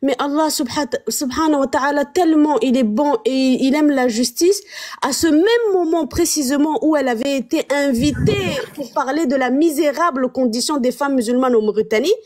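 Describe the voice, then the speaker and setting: A woman with a high voice hosts a live stream at normal speed. She comments on clips and animatedly throws rhetorical questions at her viewers.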